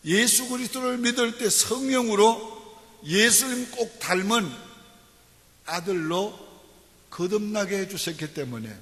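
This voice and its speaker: A male pastor preaching a sermon, asking the congregation questions and answering himself, dropping slow and low for scripture and prayer. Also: fairly bright tone, in a large hall. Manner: call-and-response preaching, repeated "예" and questions to the congregation. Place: church sanctuary.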